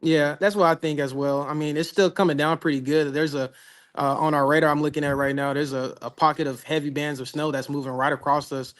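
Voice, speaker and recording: A man with a fairly high voice co-hosts a casual live weather chat. He talks the forecast through in a laid-back, drawling way. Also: little pitch movement, brisk. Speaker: weather co-host.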